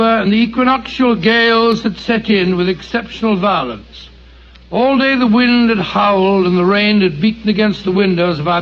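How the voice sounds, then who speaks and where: An actor playing Doctor Watson, a genial elderly doctor with a bluff, fatherly way of telling a story, in a 1940s radio drama. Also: high voice. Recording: dull 1940s radio recording.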